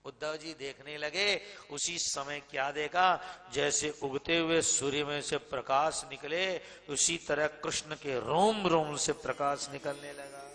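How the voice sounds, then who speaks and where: A male preacher giving a dramatic sermon in with a tinge, slowly telling devotional stories and breaking into sung verses, his voice swelling loud at the peaks. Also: a little high, fairly even intonation. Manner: dramatic storyteller, slow and emphatic, swells loud when sung. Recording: reverberant hall, slightly distant.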